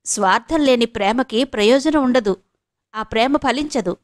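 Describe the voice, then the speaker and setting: A woman's voice: a little high, moderate pace, close to an everyday voice. A woman reading an audio novel, voicing a blunt young friend who scolds and needles, in a raised, firm voice. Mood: lecturing. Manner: firm, cutting, lecturing.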